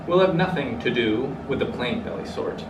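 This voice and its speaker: A man's voice: medium pitch, animated, moderate pace, voice pushed down, close to an everyday voice. A man voicing boastful, snooty beach creatures in a children's storybook, speaking haughtily in rhyme. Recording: roomy, distant mic, clearly noisy.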